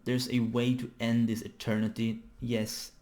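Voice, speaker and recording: A man voicing a brooding immortal male dark wizard, reading the lines slowly and solemnly. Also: medium pitch, completely flat delivery, lightly acted.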